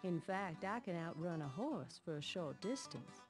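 A woman's voice: fairly low pitch, very animated, measured pace, music in the background. A woman voicing a folksy alligator with a Southern US accent in an educational game.

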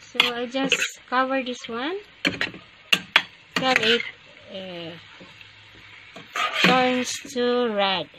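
A woman's voice: fairly high pitch, very slow, pauses often, heavy background noise. A woman with a Filipino accent, chatting casually to viewers while cooking in her home kitchen, filmed on a handheld phone. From Philippines. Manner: chatty, addresses viewers as guys, frequent wow and yummy. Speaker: cooking vlogger. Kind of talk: casual cooking vlog narration. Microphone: handheld phone camera.

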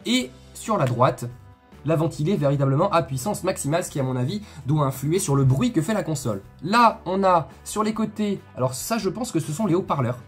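A man's voice: a little high, animated, fairly quick, faint music behind. A man hosting a casual unboxing video, chatty and joking, often repeating himself and talking straight to his viewers. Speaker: tech video host.

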